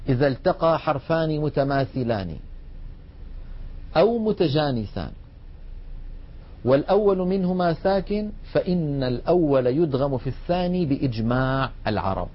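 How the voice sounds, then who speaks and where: A man teaching a lesson on recitation rules, explaining patiently and drawing out slow recited examples. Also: mid-range voice, expressive. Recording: dull lo-fi recording.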